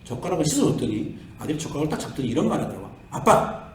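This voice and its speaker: A middle-aged male pastor with a fairly high, lively voice preaches and tells a story, acting out each voice in the exchange. He sounds far from the mic in an echoey church hall with a faint hum behind him. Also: very fast. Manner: animated, acts out his son's and his own lines. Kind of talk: sermon with storytelling. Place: church sanctuary.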